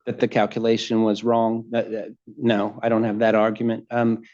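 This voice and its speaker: A man arguing a case as an attorney before appellate judges, speaking quickly and emphatically with frequent restarts. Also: lowish voice, monotone, a little mellow, muffled recording. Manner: rapid, emphatic, repeats words on restarts. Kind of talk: appellate oral argument. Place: courtroom.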